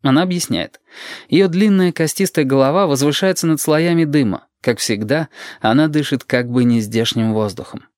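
A man narrating an audiobook in a measured, ironic storytelling manner. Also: a little high, a little mellow, no room sound, clean studio sound. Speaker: audiobook reader.

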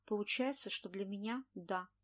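A woman's voice: medium pitch, lightly acted. Woman reading as a frail, exhausted young actress. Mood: quiet. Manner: slow, tired, drawn out. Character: young actress, sick and worn out.

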